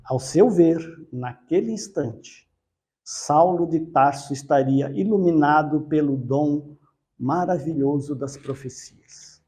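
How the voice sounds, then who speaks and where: A man telling a religious story in a spiritist study talk, unhurried, with occasional self-corrections. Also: on the high side, mellow.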